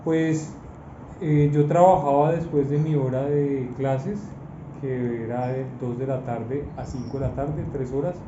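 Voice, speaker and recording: A Colombian man in his forties answering interview questions about his childhood, pausing often with fillers. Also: mid-range voice. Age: 40s. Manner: hesitant, many "eh" fillers. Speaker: interviewee, father. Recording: echoey room, muffled, noisy.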